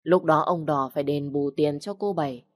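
A woman narrating an audiobook story in a steady storytelling manner. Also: deep voice, normal speed, no echo. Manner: steady storytelling, voicing every character.

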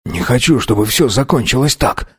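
A man's voice: medium pitch, animated, normal speed, slightly rough. A man voicing a dying young man who mutters and stammers in panic. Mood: pleading.

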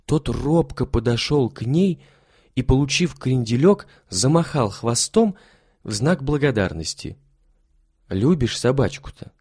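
A man reading a story aloud in a calm, measured way. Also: medium pitch, breathy edge, no echo, clean studio sound. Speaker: narrator.

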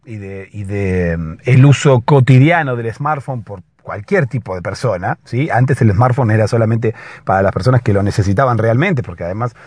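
A hoarse man hosting a casual solo podcast, explaining patiently and often checking in with his listeners. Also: fairly low pitch, animated, moderate pace, darkish tone, dry recording. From Latin America. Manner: explanatory, keeps checking in with a questioning "right?". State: hoarse, slightly husky voice. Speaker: podcast host.

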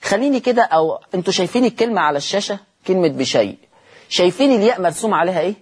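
Husky Egyptian man teaching Quran recitation. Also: sits high, lively intonation. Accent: Egyptian Arabic. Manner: asks questions and answers them himself, stretching example words slowly. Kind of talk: televised tajweed lesson.

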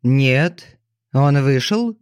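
A man's voice: mid-range voice, expressive, extremely slow, clean tone, dry recording, clean studio sound. A man voicing an arrogant older banker with a curt, commanding, haughty manner in an audiobook. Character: arrogant older male banker, domineering and explosive.

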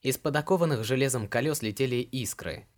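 A man narrating an audiobook in a steady, even reading voice. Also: medium pitch, brisk.

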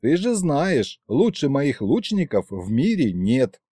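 A man voicing a chatty young elf king who explains things in a lively, raised voice. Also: medium pitch, takes it slowly, slightly rough, dry recording, studio quality, exaggerated voice. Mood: explaining.

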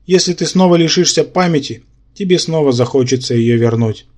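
A man's voice: a little high, a little fast, darkish tone, lightly acted. A man reading an audiobook, voicing a gloomy male symbiont spirit who gives sad, dry replies. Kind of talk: audiobook character voice.

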